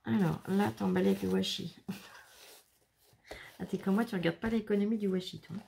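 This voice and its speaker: A woman's voice: mid-range voice, fairly even intonation, brisk, creaky, mellow, slight background noise. A woman chatting casually as she unboxes handmade scrapbook albums, exclaiming and laughing often. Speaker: scrapbooking vlogger.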